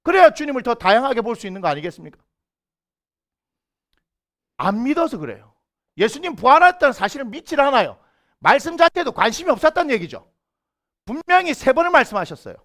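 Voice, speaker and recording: A man's voice: extremely high pitch, very animated, fast talker, pauses often, a bit bright. A middle-aged man, a senior pastor, preaching a sermon in a church. He asks the congregation questions and briefly acts out the voices he quotes. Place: church sanctuary.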